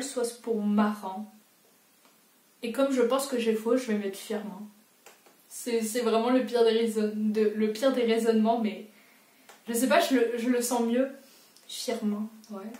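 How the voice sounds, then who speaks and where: A woman's voice: fairly high pitch, a little mellow, roomy sound, far from the mic. A young woman thinking aloud in a casual vlog, chatty and self-mocking as she answers quiz questions. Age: young adult. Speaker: booktuber.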